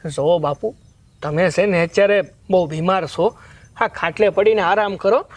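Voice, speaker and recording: A man's voice: high-pitched, natural voice. An actor playing a defiant, scheming young village troublemaker, the headman's son, in a village family drama. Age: young adult.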